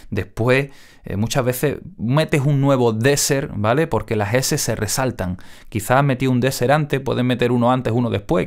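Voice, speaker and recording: A man teaching audio mixing in a casual spoken tutorial, with crisp careful diction and frequent check-ins with the listener. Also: medium pitch.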